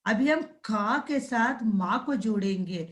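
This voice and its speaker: A woman's voice: medium pitch, expressive. A woman teaching a primary school class, sounding out words syllable by syllable and repeatedly checking with the children. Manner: drawn-out syllable-by-syllable pronunciation drills. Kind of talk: slow classroom lesson addressing children.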